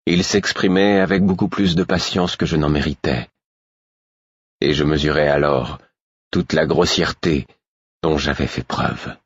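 A man reading an audiobook, giving slow, expressive first-person narration. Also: extremely low pitch, husky, no room sound, lo-fi sound. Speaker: audiobook reader.

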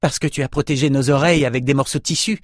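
A man's voice: mid-range voice, fairly even intonation, racing, dry recording, studio quality, pitched above the performer's own voice, lightly acted. A man doing an incredulous young woman. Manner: incredulous, reproachful. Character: astonished young woman warrior, blunt and worried.

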